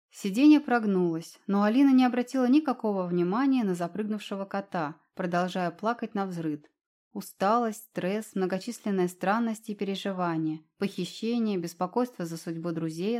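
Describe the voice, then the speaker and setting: A woman reading a fantasy audiobook aloud with expressive storytelling. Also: mid-range voice. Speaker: audiobook narrator.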